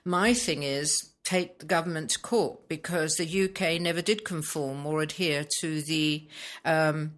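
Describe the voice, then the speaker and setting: A British woman living in Spain, talking through a current issue in casual conversation, pausing often with ums as she searches for words. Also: low voice, steady tone. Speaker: expat blogger discussing Brexit.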